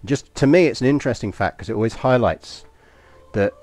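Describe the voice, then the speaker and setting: A man's voice: medium pitch, a little fast, darkish tone, dry recording. A man from East London with an English accent, giving rambling, anecdotal live-stream commentary on a strategy game and swearing casually.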